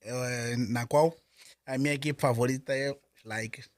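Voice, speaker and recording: A man with an Angolan Portuguese accent speaks as a guest in a casual interview, hesitant and often stumbling, repeating words and restarting. His mid-range voice holds fairly even intonation at normal speed, with no room sound.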